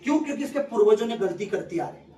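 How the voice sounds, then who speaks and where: A man preaching with an emphatic, high voice, drawing replies from his listeners. He sounds set back from the mic in an echoey hall. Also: expressive, quick pace, dark tone, a little hiss or hum. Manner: emphatic, calls for responses from the congregation. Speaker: pastor. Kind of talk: sermon. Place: prayer meeting hall. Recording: echoey room, voice from far off.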